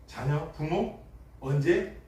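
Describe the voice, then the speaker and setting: Middle-aged male pastor, emphatic sermon delivery with loud peaks and hushed asides, distant mic, heavy church echo. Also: on the high side, slow. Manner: emphatic preaching with rhetorical questions, swings from loud to hushed. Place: church sanctuary. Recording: echoey hall, distant mic, faint noise.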